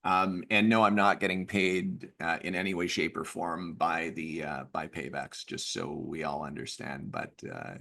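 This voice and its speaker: A man with a very low but bright, forceful voice hosts an informal group meeting. He talks in an enthusiastic, chummy way. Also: fairly even intonation, moderate pace, vocal fry, hardly any pauses. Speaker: host of online group meeting. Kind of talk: casual upbeat hosting chat.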